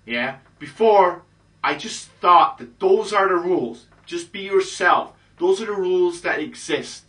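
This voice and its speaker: Bright-voiced man telling a story casually. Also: high voice, unhurried, far from the mic, rough recording. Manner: chatty, heavy on fillers, quotes others in lively re-enactment. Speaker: dating coach.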